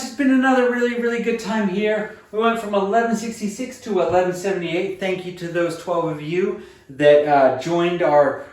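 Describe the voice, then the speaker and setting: A late-twenties man from the USA with a slightly high voice vlogs casually about weight loss, earnest and upbeat as he encourages himself amid fillers and restarts. He's recorded from a distance in an echoey room, drifting off-mic at times.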